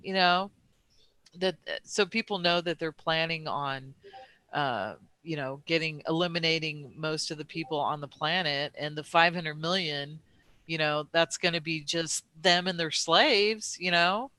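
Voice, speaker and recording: Bright, crisp-voiced man chatting loosely. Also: a little high, steady tone, unhurried, no echo. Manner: rambling, hesitant, many fillers and restarts. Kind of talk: casual conversation.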